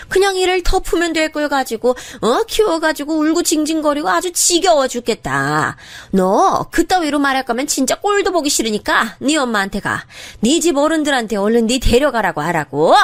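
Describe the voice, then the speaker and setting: A woman playing a nasty old mother-in-law, nags and snaps, high voice jumping all over. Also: lively intonation, normal speed, fairly bright tone. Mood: scolding. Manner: belittling, nagging, snaps at her daughter-in-law. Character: harsh scornful older woman, a mother-in-law.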